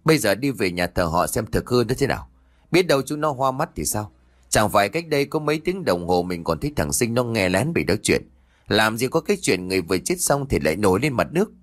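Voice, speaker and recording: Brief: gruff proud village elder, read by a man, dismissive, brisk delivery, low voice. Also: sing-song, no echo. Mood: anxious. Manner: brusque, dismissive.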